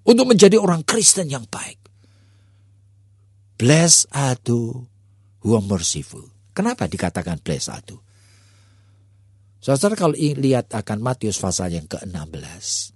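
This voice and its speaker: A man's voice: a little high, slightly rough, no echo, studio quality. A male pastor preaching a sermon, dramatic, dropping at times to a whisper and calling listeners brothers and sisters. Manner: dramatic, swings between loud and whispered.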